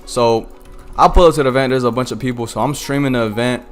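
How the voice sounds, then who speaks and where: An eighteen-year-old man streams a game while rambling through a personal story in loose, slangy speech. His pitch sits right in the middle for a man, and he keeps checking in with "you know what I'm saying." Faint music plays under his voice. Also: fast talker. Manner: slangy, loose, packed with "you feel me" tags. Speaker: streamer and content creator. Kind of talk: casual storytelling while gaming.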